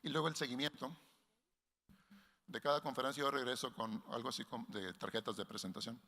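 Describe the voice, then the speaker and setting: A man giving a workshop lecture to researchers in a measured way, often restarting phrases and linking ideas with "entonces". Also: mid-range voice, fairly even intonation, bright, forceful tone. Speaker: workshop instructor. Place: conference hall. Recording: long hall reverb.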